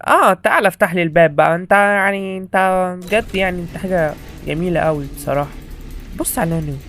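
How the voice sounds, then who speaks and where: A man's voice: high voice, fast, fairly bright tone, faint music behind. Joking Egyptian man playing a horror game. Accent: Egyptian Arabic. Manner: joking, teasing the game characters, exclaiming. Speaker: gaming YouTuber. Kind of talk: comedic horror game commentary.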